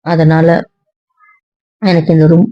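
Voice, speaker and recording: ஒரு பெண் நடிகை, தன்னை நியாயப்படுத்திப் பிடிவாதமாகப் பேசும் மனம் உடைந்த இளம் பெண்ணாக நடிக்கிறார். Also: female voice, sits low, flat delivery, takes it slowly, no echo. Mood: emotional. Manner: emotional, insistent, repetitive. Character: hurt young woman defending her refuge. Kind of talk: web serial monologue. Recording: dry dull lo-fi sound.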